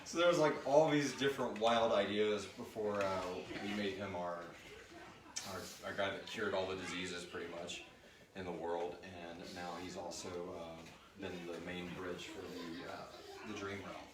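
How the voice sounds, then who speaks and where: This podcast creator has a low voice with fairly even intonation and talks at a normal speed. Hosting a casual, joking live Q&A for a group in a room, he reads questions aloud and talks through his replies. The live stream sounds roomy and noisy, picked up by a distant microphone.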